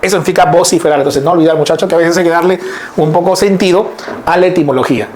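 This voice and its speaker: A man's voice: on the high side, racing, a little hiss or hum. A middle-aged man teaching a class on word roots, explaining step by step and often checking whether his students follow. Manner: lively, explains step by step, keeps checking in with listeners.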